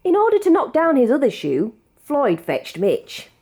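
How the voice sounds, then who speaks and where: A woman with a British accent reading a children's picture book aloud in an expressive, measured storytelling manner. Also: sits high. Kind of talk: read-aloud storybook narration.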